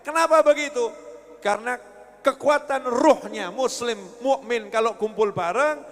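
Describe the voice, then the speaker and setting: A man with a high voice delivers a sermon to a gathered congregation. He jokes and keeps quizzing his listeners. His voice rings out with a long echo through the hall. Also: unhurried, fairly bright tone. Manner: jokey, quizzes the audience. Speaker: preacher. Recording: echoey hall with long reverb.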